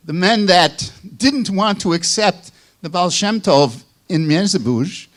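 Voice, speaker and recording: An older man lectures at an unhurried pace in a Chicago accent. His voice sits somewhat high for a man. He speaks in a measured way, stopping for small asides and restarts. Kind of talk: academic lecture. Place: lecture hall.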